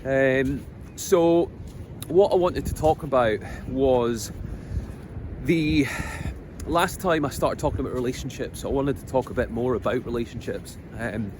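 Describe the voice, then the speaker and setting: Speaking aloud by the sea, a middle-aged Scottish vlogger reflects on his life in an earnest, halting way, filling pauses with ums. His pitch is ordinary for a man, and passing vehicles and street noise come through clearly in the outdoor recording.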